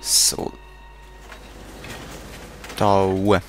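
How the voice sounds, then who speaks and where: Soft music plays behind this let's play gamer, whose low voice is monotone and very slow. He has a Swiss German accent and offers laid-back commentary on a strategy game, muttering and speaking to the units on screen.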